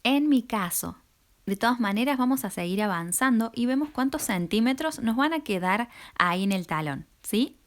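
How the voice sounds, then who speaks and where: A woman's voice: fairly high pitch, expressive, normal speed. A woman, patiently teaching a crochet tutorial step by step and checking in with listeners as she counts rows aloud. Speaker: crochet instructor.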